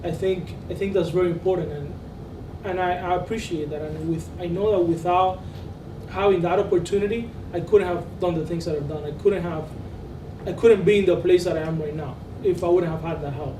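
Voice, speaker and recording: A man's voice: sits high, fairly even intonation, fairly quick. A man from Cuba, a law student, speaking sincerely on a panel and repeating words as he thinks. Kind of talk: panel discussion. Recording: roomy, distant, noisy.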